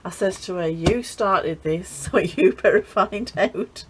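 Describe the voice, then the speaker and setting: A woman's voice: mid-range voice, takes it slowly, a little hiss or hum, poor audio. A middle-aged woman chatting casually while crafting, laughing often and restarting her sentences. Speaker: craft channel host.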